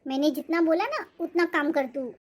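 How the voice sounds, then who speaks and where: Woman doing a strict bossy mother-in-law, sharp scolding, very high voice, cartoon. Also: normal speed, close to an everyday voice. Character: strict controlling middle-aged mother-in-law. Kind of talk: cartoon voice acting.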